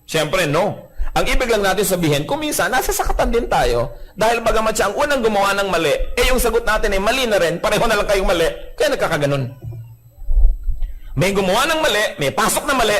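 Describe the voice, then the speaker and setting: Animated, lively preaching man. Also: high-pitched, a little fast. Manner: animated preacher who acts out quarrels with humor. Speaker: pastor. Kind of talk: sermon.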